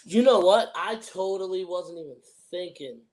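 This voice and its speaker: A man's voice: sits high, normal speed. A young man hosting a sports podcast, giving opinions in emphatic, casual frat-bro slang.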